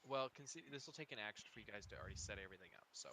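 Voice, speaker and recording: A man running a tabletop game as dungeon master, easygoing and quick with rulings as he calls each player's turn. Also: on the low side, animated, sharp tone, slight background noise.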